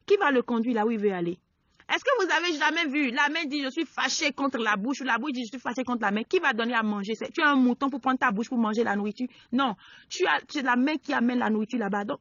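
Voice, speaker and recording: A woman preaching a sermon. She exhorts her listeners, swinging between loud emphatic peaks and low quiet asides. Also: dry recording. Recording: dull lo-fi dry recording.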